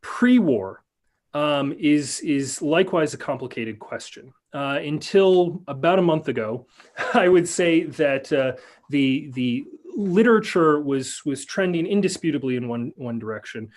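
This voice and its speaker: A man lecturing on a video call, reading a prepared paper in a measured way and then answering questions with many fillers and restarts. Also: medium pitch. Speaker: lecturer and researcher.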